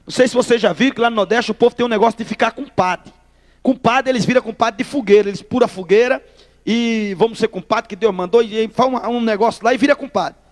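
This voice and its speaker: Preacher guy, really high voice, storytelling testimony, echoey hall. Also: quick pace. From Northeast Brazil. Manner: lively storyteller acting out dialogue, addresses listeners as brother. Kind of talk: sermon testimony.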